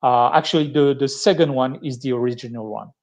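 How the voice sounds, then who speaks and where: A man with a French accent talks an online audience through a live technology demo. His voice sits in an ordinary middle register. He explains things patiently, pausing often to gather his thoughts as he goes. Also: mid-range voice, darkish tone. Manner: explanatory, thinking aloud with many pauses. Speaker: tech speaker giving a live demo. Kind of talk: live-streamed tech presentation.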